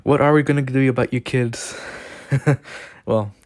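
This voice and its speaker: A man's voice: medium pitch, steady tone, a little slow, darkish tone, no room sound. A man hosts a casual reaction video with a mid-range voice and a loose, joking delivery that keeps breaking into laughter. The sound is close and dry. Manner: chuckles often, loose and joking. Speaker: host of a railfan video reaction channel.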